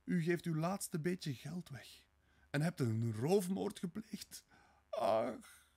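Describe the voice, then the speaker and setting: A man's voice: normal speed, creaky, a little mellow, slightly rough. A man voicing Sonja, a frantic, pleading young woman. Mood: distraught. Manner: pleading, high-pitched and frantic. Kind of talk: audiobook reading.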